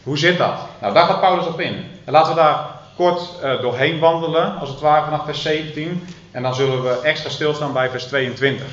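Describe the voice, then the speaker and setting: A man giving a sermon in Dutch, explaining a Bible passage in a teaching manner, with frequent hesitations and slow, stressed emphasis on key phrases. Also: on the high side, a bit bright. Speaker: preacher. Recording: echoey room, muffled lo-fi sound.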